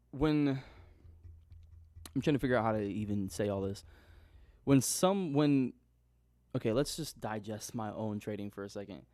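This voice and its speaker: A young man thinks out loud in a loose, unscripted monologue, circling back on his points and restarting sentences as he goes. His voice sits at an ordinary pitch. The sound is dry and close, recorded on his own microphone in a small room. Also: no echo. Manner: rambling, self-questioning, restarts often. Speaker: trading vlogger.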